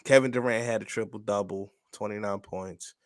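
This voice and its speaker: A man's voice: lowish voice, fairly even intonation, moderate pace, dry recording, studio quality. A man with a New York accent co-hosting a casual sports podcast, emphatic and slangy, often asking "you know what I'm saying". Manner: emphatic, slangy, repeats filler phrases.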